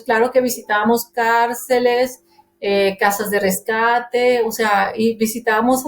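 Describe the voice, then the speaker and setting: Earnest northern Mexican woman telling a testimony. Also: on the high side. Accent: northern Mexican Spanish. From Monterrey, Mexico. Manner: earnest and storytelling, with many fillers and restarts. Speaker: guest giving a testimony. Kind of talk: personal faith testimony in a church radio interview.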